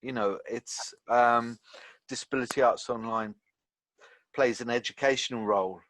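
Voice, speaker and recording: A man's voice: medium pitch, steady tone, moderate pace, a bit bright, no room sound. A man speaking as a guest in an online panel discussion, hesitant, with many fillers and restarts. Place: home, online video call.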